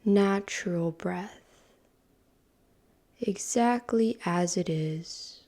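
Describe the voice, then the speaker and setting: This is a guided meditation led by a woman whose voice sits on the low side. It's soft and breathy, sometimes almost a whisper, and she proceeds calmly and unhurriedly with long gaps between phrases.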